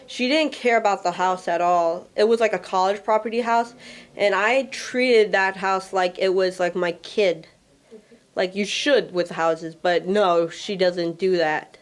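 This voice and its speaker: Candid young woman with a smooth voice. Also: mid-range voice. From Russia. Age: 20s. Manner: candid, chatty, frequent "like" fillers. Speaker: storyteller. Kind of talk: personal spoken storytelling.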